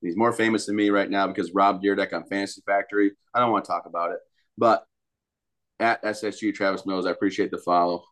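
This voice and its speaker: A man's voice: deep voice, fairly even intonation, quick pace, fairly bright tone. A man appearing as a podcast guest, joking and self-deprecating in casual chat.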